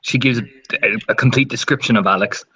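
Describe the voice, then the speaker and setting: A man's voice: mid-range voice, fast talker, sharp tone, slightly rough. A man playing a tabletop game, describing his character in a rambling, hesitant way. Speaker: player. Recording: dull lo-fi recording.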